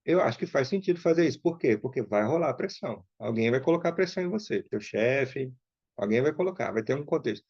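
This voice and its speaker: A man teaching an online workshop in a casual, conversational way, often checking in with quick tag questions. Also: mid-range voice, animated, a little mellow, no room sound. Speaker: workshop instructor. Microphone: online call mic. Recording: dull, dry lo-fi sound.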